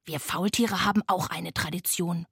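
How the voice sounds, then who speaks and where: A woman's voice: lowish voice, steady tone, moderate pace, fairly bright tone, no echo, studio quality, full character voice. A woman doing a grumpy drawling sloth. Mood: easygoing. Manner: gruff, slangy, drawling. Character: grumpy, laid-back lazy sloth.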